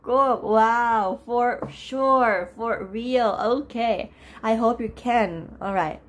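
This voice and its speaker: A young woman with a voice gone low and rough from just waking up, teaching a live online class. She chats with viewers, greets them by name and laughs often. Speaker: Korean language teacher. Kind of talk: live-streamed lesson with chat.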